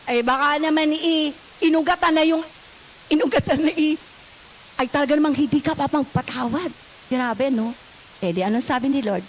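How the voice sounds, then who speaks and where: A woman's voice: on the high side, a little hiss or hum, poor audio. A woman pastor with a Filipino accent preaches a sermon in a church, switching between scripture read in English and Tagalog and asking the congregation questions.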